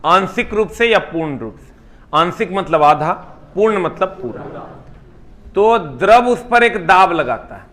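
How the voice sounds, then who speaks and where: A man's voice: sits high, lively intonation, a little slow, fairly bright tone. A man teaching a live online class, chatty and teasing, firing rhetorical questions at students.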